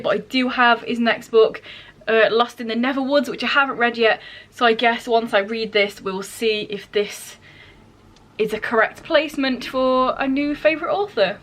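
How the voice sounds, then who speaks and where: Her voice a little high and fairly bright, a woman hosting a book vlog chats informally with viewers, self-correcting and meandering into side remarks.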